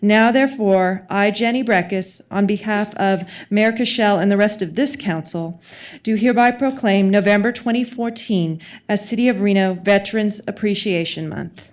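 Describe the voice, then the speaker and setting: A woman's voice: mid-range voice, normal speed. Woman council member reading a proclamation. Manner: formal, read aloud.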